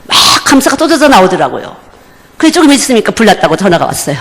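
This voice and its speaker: A woman's voice: mid-range voice, big pitch swings, fast talker. A woman missionary preaching a sermon at a church service, with emphatic, repeated short phrases. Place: church during a Wednesday service. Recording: reverberant church hall.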